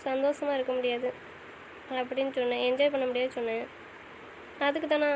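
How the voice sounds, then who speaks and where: A woman's voice: high-pitched, level tone, fairly quick, a little mellow, slight background noise, poor audio. A woman playing a wife in an audio drama, pleading and pressing with questions. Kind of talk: casual audio drama acting.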